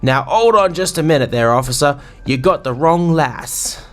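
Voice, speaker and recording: A man's voice: a little high, expressive, normal speed, faint music behind, voice pushed up, natural voice. A man voicing a boisterous, bawdy male sailor innkeeper in a put-on English pirate accent, full of salty slang. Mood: jovial. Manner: salty slang, rambling banter.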